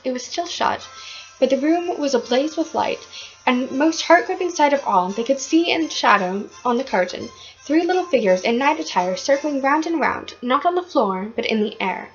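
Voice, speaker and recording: A woman reading a children's book aloud with expressive delivery and occasional stumbles. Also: high-pitched, muffled recording.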